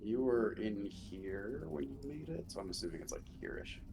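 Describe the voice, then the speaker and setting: Gravelly low-voiced man running the game. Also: moderate pace. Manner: relaxed, rulings mixed with laughs. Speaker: game master. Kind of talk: narrating a tabletop game. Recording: noisy home recording.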